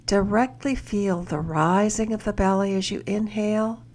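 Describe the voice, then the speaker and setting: Her voice pitched in the middle, a woman mentoring in mindfulness talks listeners through a guided meditation. The delivery is gentle and measured, with breathy, soft endings to her phrases.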